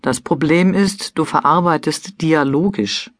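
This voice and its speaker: A woman's voice: low voice, a little slow, dry recording. A woman voicing a middle-aged husband with a dry, matter-of-fact manner, reading an audiobook.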